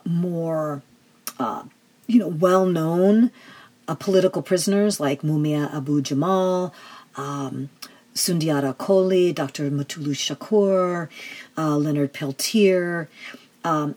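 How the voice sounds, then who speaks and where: Woman, low-pitched voice, activist talk radio host, earnest emphasis, halting searching phrasing. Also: darkish tone.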